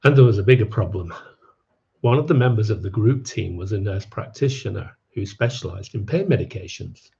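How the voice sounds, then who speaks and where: A man's voice: fairly low pitch, animated, a little fast, vocal fry, darkish tone, dull audio. Wry man telling his own story. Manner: wry, self-mocking asides. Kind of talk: personal storytelling talk.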